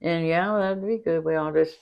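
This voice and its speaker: An older woman, interviewed as a mother, tells family stories in a casual chat, laughing often and acting out the voices of the people involved. Her voice is lowish, gravelly, and clean in tone at a moderate pace, though the audio is dull.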